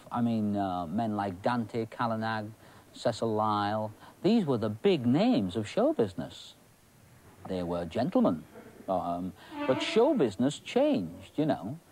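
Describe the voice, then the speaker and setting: An older man reminiscing in an interview, thoughtful and hesitant, often pausing to find his words. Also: medium pitch, very animated, a little mellow.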